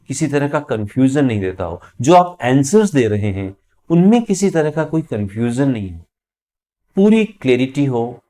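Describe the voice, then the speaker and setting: A man with an Indian accent teaching interview communication skills, speaking clearly with deliberate pauses and emphasis. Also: mid-range voice, dark tone. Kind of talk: instructional talk to camera.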